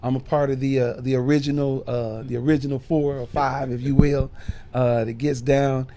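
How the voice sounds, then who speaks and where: A man's voice: medium pitch, flat delivery, moderate pace, noisy background. A middle-aged man, a minister born in Chicago and raised in Detroit, telling his life story in a casual podcast interview with frequent fillers. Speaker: bishop and minister.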